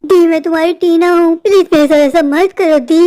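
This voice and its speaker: A woman voicing a frightened young woman who pleads anxiously in an animated horror story. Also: very high voice, fairly quick. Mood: scared.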